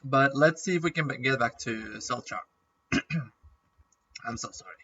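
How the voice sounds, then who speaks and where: A man chatting casually through a game as a YouTuber, rambling and clearing his throat often with a nagging cough. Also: medium pitch, moderate pace, pushed and bright, recorded from a distance, highs cut off. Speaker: gaming YouTuber.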